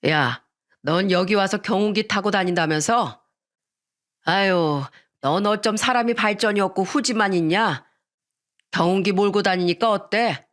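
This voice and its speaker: A woman's voice: medium pitch, a little slow, fairly bright tone, natural voice. A woman voicing a mocking, tipsy older brother in a story narration, sneering in tone.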